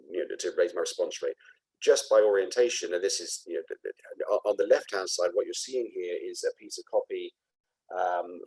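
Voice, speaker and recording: A man with a Cockney accent walks through a product demo in an unscripted, halting way, full of restarts and fillers. His voice sits very low and has a husky edge. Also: darkish tone, low-quality recording. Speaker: presenter.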